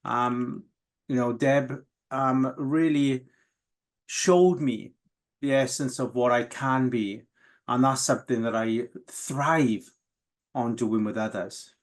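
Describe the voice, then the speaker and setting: Frequent pauses and restarts mark the speech of a man from the South Wales valleys, a native Welsh speaker with a mid-range voice. He is an interview guest talking openly and reflectively in a candid, emotional conversation.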